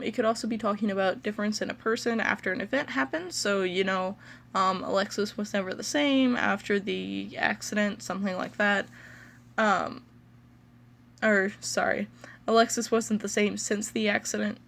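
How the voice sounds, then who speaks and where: A woman with a Midwestern American accent explaining pronunciations in a casual, hesitant way, with many ums and pauses. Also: medium pitch, fairly even intonation, gravelly, a bit bright. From United States. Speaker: pronunciation video host.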